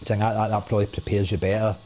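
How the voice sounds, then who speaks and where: A man's voice: fairly low pitch, level tone, racing, mellow, a little hiss or hum. A Scottish-accented man hosting a casual podcast, agreeable and often repeating words as he goes. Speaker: podcast host, comedian.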